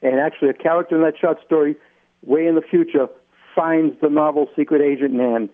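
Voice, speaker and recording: Male interview guest, New England accent, slightly high voice, halting and deliberate explainer, narrow phone-like radio sound. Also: steady tone. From Massachusetts, United States.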